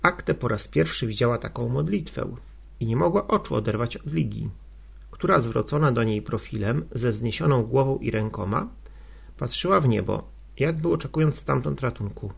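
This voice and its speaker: A man narrating a classic novel as an audiobook in a steady reading manner. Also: mid-range voice, normal speed, gravelly, slightly rough.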